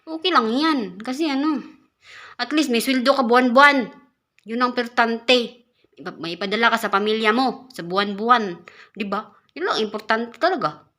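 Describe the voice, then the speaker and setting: A woman's voice: fairly high pitch, moderate pace, pushed and bright. A woman from the Philippines who works as a caretaker, talking casually in a vlog, chatty, with many restarts and frequent laughs. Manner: chatty, repeats and restarts words, laughs often. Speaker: caretaker vlogger.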